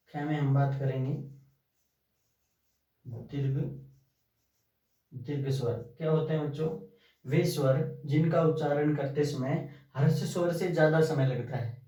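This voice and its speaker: A man teaching a class, asking his pupils questions and answering them himself in a drawn-out, repetitive way. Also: on the high side, dark tone. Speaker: Hindi teacher. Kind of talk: classroom lesson. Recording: very echoey room, from far off.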